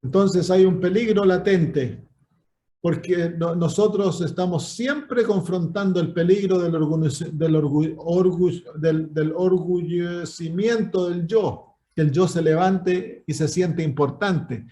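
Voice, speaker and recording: High-voiced pastor teaching scripture. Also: male voice, slow pace, dark tone. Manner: earnest, repeats words while searching for them. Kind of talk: Bible study sermon.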